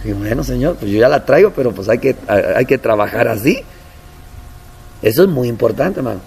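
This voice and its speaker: A man preaching a sermon as a pastor, now and then putting on a high, mocking voice to play his church members. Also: animated, moderate pace, creaky, darkish tone. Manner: acts out congregants in a high mocking voice.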